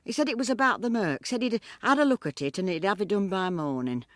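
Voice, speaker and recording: A woman's voice: mid-range voice, expressive, quick pace, no echo, studio quality, close to an everyday voice. An actress playing a saucy, teasing English woman in a radio drama. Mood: teasing, curious.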